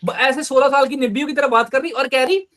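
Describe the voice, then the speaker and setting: A man's voice: extremely high pitch, fairly even intonation, quick pace, fairly bright tone. A man telling a crude, teasing story in a casual video chat on a phone.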